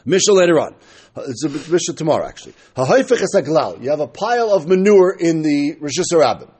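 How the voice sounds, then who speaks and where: A man with teaches a religious text aloud. His voice sits high and swings widely in pitch, with a husky edge. He reads a phrase, explains it, then argues it through by posing questions and answering them. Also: big pitch swings, fast, darkish tone. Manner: argumentative, asking questions and answering them himself. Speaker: Talmud teacher.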